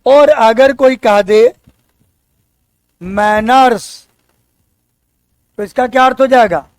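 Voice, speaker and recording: A man teaching an exam-prep English lesson. His voice is high and smooth, and he takes his time, repeating each key word and quizzing his students. The sound is close and dry. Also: takes it slowly, dry recording.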